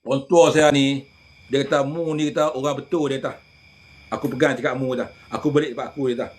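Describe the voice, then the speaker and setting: A man, a religious healer telling animated stories in casual chat, often addressing listeners directly. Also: medium pitch, fast talker, slight background noise.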